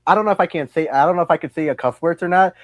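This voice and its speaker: A man's voice: fairly high pitch, racing, no echo. A young man hosting a casual interview, rambling and hesitant with many fillers. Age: young adult. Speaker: host.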